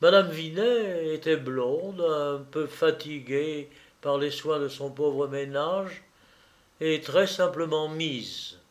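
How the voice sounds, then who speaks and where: Slow measured male audiobook narrator. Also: a little high. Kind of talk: audiobook reading of a classic novel.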